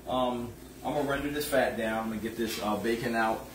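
A middle-aged man talks relaxed and joking while he cooks. A phone camera across his home kitchen picks him up with a roomy echo, and loud frying and sizzling run underneath. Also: mid-range voice, fairly quick, far from the mic, background noise. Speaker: home cook and show host. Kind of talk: casual cooking livestream chat. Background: frying and stirring sounds.

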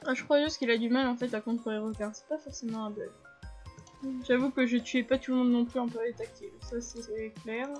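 A woman's voice: on the high side, fairly even intonation, a little fast, a little mellow. A woman giving casual gameplay commentary, chatting to viewers and explaining the controls as she plays. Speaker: gaming video host. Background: faint game music.

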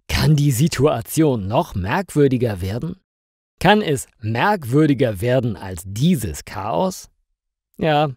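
A man reading a story aloud slowly and clearly for language learners, in a scripted narration style. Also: mid-range voice, warm tone, dry recording, studio quality. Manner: slow, clearly articulated reading.

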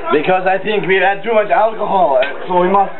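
A man's voice: high-pitched, brisk, a crowd in the background. A young man bantering casually with friends, drunk, blunt and sweary. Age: young adult. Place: small home kitchen with friends. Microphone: handheld camera in the room. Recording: muffled tinny camera audio, loud room noise.

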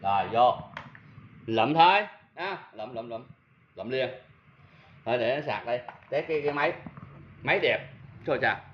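A man's voice: medium pitch, expressive, normal speed, long pauses, slight background noise. Man, southern Vietnamese accent, casual tool demo, chatty and self-mocking, muffled audio, faint ambience. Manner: chatty, self-mocking, talks straight to viewers. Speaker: seller of used power tools.

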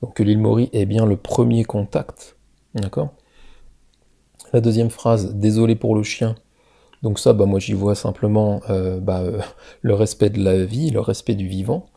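A man's voice: fairly low pitch, fairly even intonation, normal speed, creaky, dark tone. A man giving a casual explanatory monologue, talking hesitantly with many fillers and often checking "d'accord?". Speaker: video creator.

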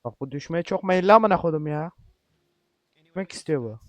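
A man giving let's-play commentary, cursing a lot in frustration and repeating short words while coaching himself to stay calm. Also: on the high side, moderate pace, no room sound. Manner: repetitive outbursts. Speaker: gaming YouTuber.

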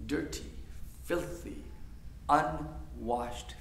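A man preaching a sermon as pastor, talking straight to his listeners and swinging from hushed, quiet passages to loud, emphatic ones. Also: on the high side, very slow, gravelly, a little hiss or hum. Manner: conversational, asks the audience directly. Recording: echoey church room.

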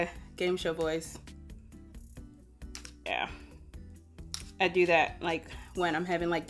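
A young woman chatting casually at home as she reviews and tries a beauty product, with self-deprecating fillers. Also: lowish voice. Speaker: beauty vlogger.

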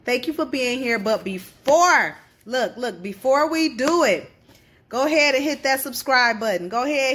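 Woman, casual vlog host, chatty and slangy, easygoing slow delivery. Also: on the high side, fairly bright tone. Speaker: crafting channel host.

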